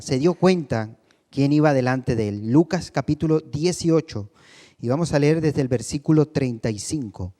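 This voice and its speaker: A man preaching a sermon as co-pastor, asking the congregation questions and rising to loud cries when he quotes. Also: a little high, long reverb tail. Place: church hall.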